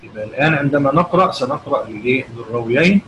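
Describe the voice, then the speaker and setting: A man with an Egyptian accent explains recitation rules in a patient lesson, tossing out questions to his listeners and answering them himself. His voice sits in a middle register. The recording is dull and lo-fi, with steady background noise beneath him. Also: medium pitch, racing. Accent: Egyptian Arabic. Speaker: Quran recitation teacher.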